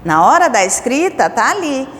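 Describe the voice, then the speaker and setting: A woman with a Brazilian Portuguese accent teaches a recorded lesson to young children. She talks slowly, a touch high, with a very lively melody, and keeps checking in with short questions. The sound rings in a reverberant room over a faint low rumble. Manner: explains slowly, asks rhetorical questions with frequent "né?" and "certo?".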